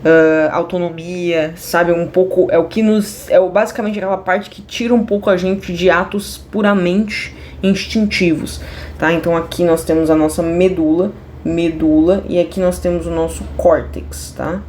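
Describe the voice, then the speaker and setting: A woman's voice: lowish voice, steady tone, normal speed, a little mellow, a little hiss or hum. A woman teaching a class in a casual, chatty way, drifting off topic and correcting herself with many fillers. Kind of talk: casual online class explanation.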